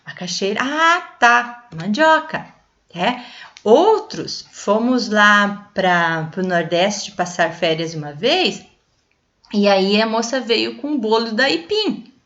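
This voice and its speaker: A woman's voice: medium pitch, animated, slow, a bit bright, lo-fi sound. A Brazilian woman teaching a lesson to children, explaining patiently and checking in with her listeners often. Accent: Brazilian Portuguese.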